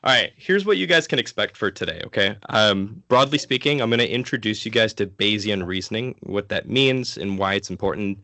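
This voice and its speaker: A man giving an informal, interactive lecture in a casual, conversational way, sick and low on energy. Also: animated, a little fast, few pauses, bright, forceful tone, no room sound. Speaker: guest lecturer from an online ministry.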